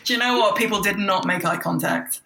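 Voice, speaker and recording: Casting: woman guest, loose chatty delivery, bright tone, roomy echo. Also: mid-range voice, a little fast, vocal fry. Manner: chatty, laughs often, filler-heavy. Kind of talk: casual podcast chat.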